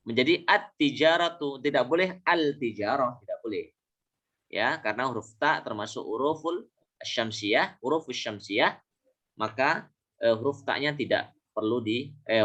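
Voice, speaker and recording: A man teaching Arabic pronunciation in a lesson, repeating example words slowly and correcting himself with small fillers. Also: mid-range voice, lively intonation, fairly bright tone, lo-fi sound. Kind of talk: classroom lesson.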